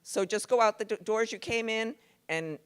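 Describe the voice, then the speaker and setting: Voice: mid-range voice, moderate pace, a bit bright, clean tone. An event organizer making practical, friendly announcements over a microphone at a hotel ballroom event. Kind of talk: announcements to an audience. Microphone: handheld microphone.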